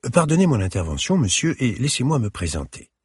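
A man reading aloud, voicing a refined sixty-five-year-old woman curator with a clear, slightly hissing voice and polite, formal manner. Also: mid-range voice, big pitch swings, brisk, no echo, studio quality, pitched above the performer's own voice. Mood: courteous.

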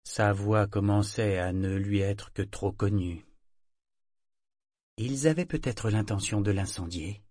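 A man reading a novel aloud in steady, measured scripted narration. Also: fairly low pitch, no room sound, studio quality. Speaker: audiobook reader.

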